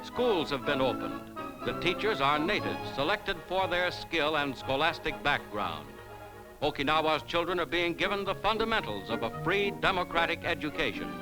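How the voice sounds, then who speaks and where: A man delivering 1940s newsreel narration in a brisk, emphatic announcer style, as on an old newsreel recording. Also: fairly high pitch, very animated, rough recording. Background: loud music bed.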